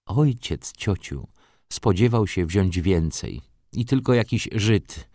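A man's voice: low-pitched, lively intonation, slow pace, mellow, dry recording, clean studio sound, full character voice. A man voicing a proud, anxious young noblewoman in an audiobook reading. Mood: offended.

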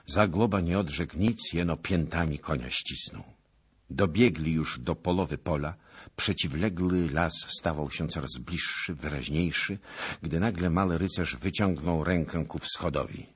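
A man's voice: a bass voice, a little slow, breathy edge. A man giving dramatic scripted audiobook narration that swells with the action.

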